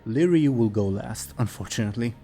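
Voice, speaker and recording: A man narrating a tabletop role-playing game as game master, in a casual, halting, improvised way. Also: mid-range voice, lively intonation, mellow, faint music behind.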